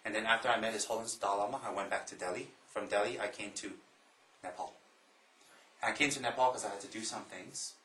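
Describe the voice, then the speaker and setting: A man from Taiwan, a Buddhist monk, giving a slow, emphatic Dharma talk to an audience, repeating phrases and adding joking asides. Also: on the low side, sharp tone, roomy sound, rough recording.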